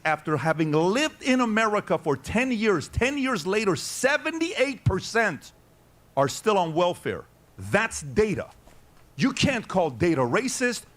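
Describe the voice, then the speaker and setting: A man's voice: high-pitched, sing-song, normal speed, fairly bright tone. A middle-aged man telling a story in casual chat, blunt and emphatic, arguing his points hard. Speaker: guest storyteller.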